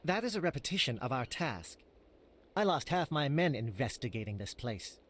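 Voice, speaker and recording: An actor playing a terse, exasperated alien infantry captain in a video game, clipped and military in manner. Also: male voice, medium pitch, big pitch swings, normal speed, a bit bright.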